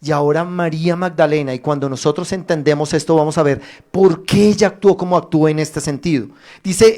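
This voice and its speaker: A man pastor preaching a streamed sermon, addressing viewers directly with emphatic rises and pauses. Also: high voice. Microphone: streamed online service.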